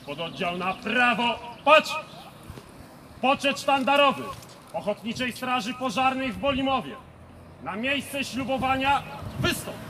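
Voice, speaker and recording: A man serving as parade commander at an outdoor fire brigade ceremony, calling out loud, clipped, drawn-out drill commands. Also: very high voice, expressive. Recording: reverberant outdoor sound with background noise.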